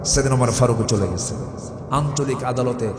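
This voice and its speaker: A man's voice: medium pitch, moderate pace. Fervent preacher man in echoing hall. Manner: fervent, rising to loud emphatic peaks. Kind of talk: sermon storytelling. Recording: echoey hall reverb.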